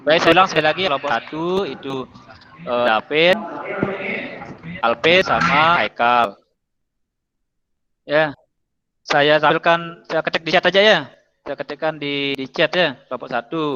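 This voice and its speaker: A man's voice: on the high side, a little slow, pauses often, pushed and bright. Man's voice breaking up over a choppy call. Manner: patient, repeats instructions. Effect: choppy breaking-up call audio. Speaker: teacher. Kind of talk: online class instruction. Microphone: video call. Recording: dull lo-fi online call sound.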